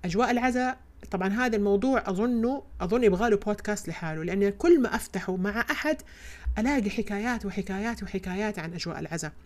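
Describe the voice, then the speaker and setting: A woman hosting a podcast, telling a personal story in an expressive, emphatic way. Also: medium pitch, racing. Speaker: podcast host. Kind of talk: personal reflective podcast talk.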